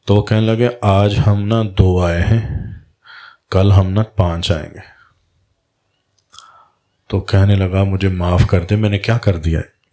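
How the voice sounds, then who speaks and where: A man with a fairly low voice gives a storytelling religious talk as a Sufi guide. He slips into quoted voices to act out the back-and-forth of the tale. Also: long pauses. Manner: recounts dialogue in lively quoted voices.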